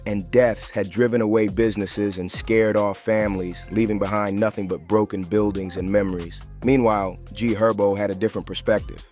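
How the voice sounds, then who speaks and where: Flat low-voiced male narrator. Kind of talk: scripted commentary narration.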